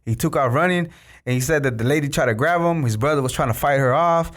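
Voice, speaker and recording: A man's voice: on the high side, quick pace. A man from Mexico hosting a podcast, chatting casually and telling stories, often saying "you know" and "bro". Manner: storytelling, says "bro" and "you know" a lot. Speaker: podcast host. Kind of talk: casual interview chat.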